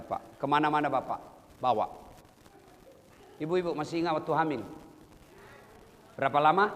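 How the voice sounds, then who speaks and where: A man giving a humorous sermon to a live audience, telling stories animatedly and leaping into loud, high exclamations. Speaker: Islamic preacher. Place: large hall with an audience. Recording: reverberant hall, faint background noise.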